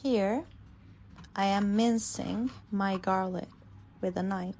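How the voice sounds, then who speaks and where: This is slow narration for language learners: an English teacher, a native Turkish speaker, talks through a cooking video step by step in plain, simple sentences. Her medium-pitched voice is a little mellow with fairly even intonation, against slight background noise.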